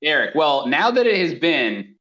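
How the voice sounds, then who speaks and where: A man with a slightly high, somewhat bright voice and big pitch swings co-hosts a podcast over the phone at a moderate pace. He banters in a playful, mock-serious comedic way, and the phone audio is muffled and lo-fi.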